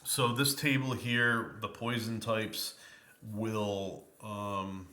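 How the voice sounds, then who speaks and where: A man with a somewhat low, bright voice talks through an old tabletop game book at an unhurried pace. He rambles and halts with many ums and uhs. The room around him is echoey. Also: steady tone. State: tired, yawning. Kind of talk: casual spoken review of a game book.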